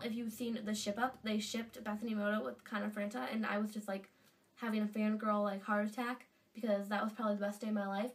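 A teenage girl's medium-pitched voice sounds far from the mic, a webcam sitting at desk distance in her bedroom. Congested from a cold, she gushes through a casual fan vlog in a chatty way, peppered with fillers.

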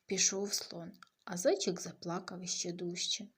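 A woman reading a bedtime story aloud for children, soft and gentle, often half-whispered. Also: on the low side, level tone, normal speed, slightly rough.

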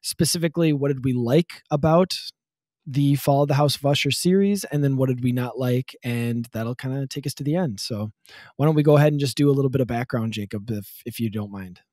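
A man's voice: medium pitch, a little fast, darkish tone, no echo. A man hosting a podcast in casual chat, teasing his co-host with dry humor.

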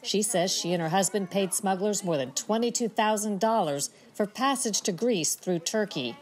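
A woman reporter narrating a news report in a measured, matter-of-fact way. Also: medium pitch.

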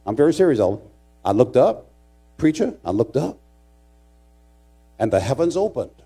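Medium in pitch, with a dark, husky tone and wide swings in intonation, a middle-aged pastor delivers his sermon at normal speed. He plays it dramatic in the church sanctuary, joking with the congregation through humorous storytelling.

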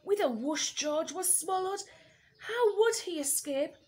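A woman teacher reads a picture book aloud to small children, expressive and pausing to ask them questions. Her voice is high and swoops up and down a great deal. She takes the story at an unhurried pace.

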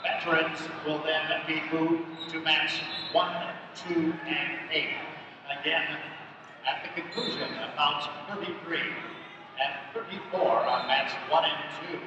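A man's voice: on the high side, steady tone, takes it slowly, muffled recording. A man announcing over the intercom at a wrestling tournament, formally repeating each announcement. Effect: over the intercom, public address loudspeaker. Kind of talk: public announcements and trivia. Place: large indoor gym at a wrestling tournament. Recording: echoey gym PA heard from far off, loud noise.

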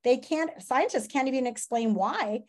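A high, expressive voice with a darkish tone reads at an ordinary pace. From a small room at home, the woman dramatizes a children's nonfiction book the way a teacher would, pausing for asides and questions to her listeners.

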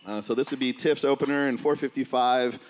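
Leading a casual, motivational seminar for a seated group in a large indoor gym, this coach talks fairly quickly in a steady, mid-range voice. Heard from a distant camera, the hall sounds reverberant.

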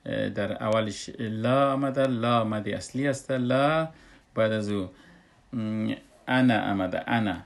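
A man teaches Quran recitation patiently, step by step. He speaks in an unhurried way and often stops on a long "uh" before going on. He sounds like a teacher walking through a lesson. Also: on the low side, creaky. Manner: unhurried, with frequent drawn-out "uh" pauses. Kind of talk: step-by-step tajweed lesson explanation.

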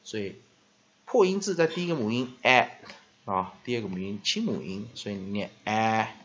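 A male English teacher explaining word pronunciation in a vocabulary lesson with a Taiwanese Mandarin accent, slowly stretching out example words and dropping a filler "ha" between phrases. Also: fairly low pitch, expressive, fairly bright tone, lo-fi sound, a little hiss or hum. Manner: drawn-out repeated demonstration words, frequent filler "ha".

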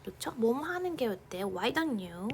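A young woman teaching English grammar in a casual online lecture, chatting informally and reading example sentences slowly, now and then dropping to a near-whisper. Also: on the high side, very animated, a little mellow, a little hiss or hum.

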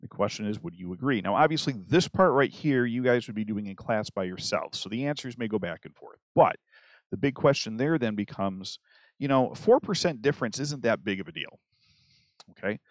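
A man's voice: on the low side, lively intonation, fairly quick, dry recording. A man teaching a statistics lesson in a conversational way, often restarting sentences and checking in with "okay?". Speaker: math teacher.

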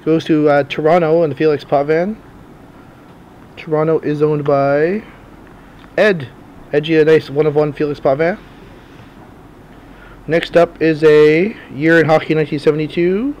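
A man's voice: a little high, fairly even intonation, unhurried, pauses often, darkish tone, highs cut off. A man hosting a card break with casual, improvised running commentary, informal and muttering to himself as he works. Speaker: host of sports card box breaks. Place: small indoor home office full of cards. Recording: noisy room, camera on desk.

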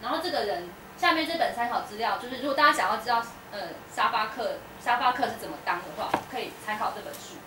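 Fast-talking woman in an echoey room. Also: fairly high pitch, lively intonation, sharp tone. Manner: chatty, many fillers and restarts, laughs often. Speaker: guest speaker at a bookstore talk. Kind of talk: casual public talk with audience. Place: indoor bookstore event space. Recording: roomy echo, distant mic, noisy room.

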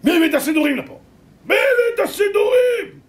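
A man voicing a cruel male SS officer who shouts aggressive demands. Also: extremely high pitch, expressive, voice pushed up. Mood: furious.

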